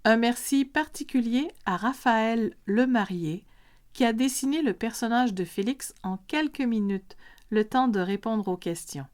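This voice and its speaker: A woman's voice: fairly high pitch, measured pace, a little mellow. A woman reading a scripted story as a podcast narrator.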